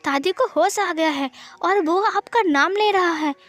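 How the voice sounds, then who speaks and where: A woman voicing a clingy, childlike young man who pleads and sulks in a drawn-out, whiny way. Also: very high-pitched, fairly bright tone, voice pushed up. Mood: pleading.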